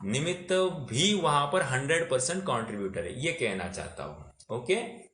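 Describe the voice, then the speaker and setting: A man's voice: mid-range voice, expressive, moderate pace, a bit bright, roomy sound, a little hiss or hum. A man teaching a scripture class, explaining patiently, putting questions to his listeners, and mixing English words into his talk. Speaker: religious teacher.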